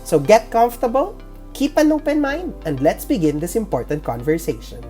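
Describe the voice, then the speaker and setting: A woman hosting a podcast, moderating a group discussion with a lively, welcoming manner. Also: medium pitch, moderate pace, soft background music. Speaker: podcast host.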